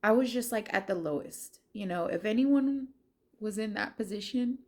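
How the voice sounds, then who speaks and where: A woman with a voice of ordinary pitch tells her personal faith testimony. She speaks earnestly and with feeling, and she often stumbles and restarts mid-sentence as she recounts it. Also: moderate pace. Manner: earnest, emotional retelling with many restarts.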